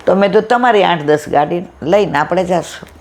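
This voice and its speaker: With a lowish, darkish voice at a moderate pace, a woman gives a conversational satsang talk, weaving in devotional stories and acting out the dialogue. Slight background noise is present.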